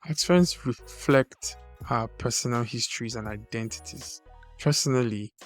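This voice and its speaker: A man from Nigeria with a Nigerian accent, hosting his own podcast in a measured, deliberate way. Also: mid-range voice, faint music behind. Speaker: podcast host. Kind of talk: scripted solo podcast talk.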